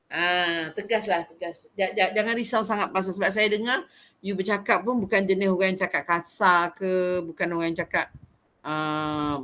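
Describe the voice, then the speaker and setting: A middle-aged woman with a Malaysian Malay accent, a vocal recitation teacher talking frankly and expressively to her class. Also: medium pitch. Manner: expressive, frank, animated and talkative. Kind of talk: conversational class talk.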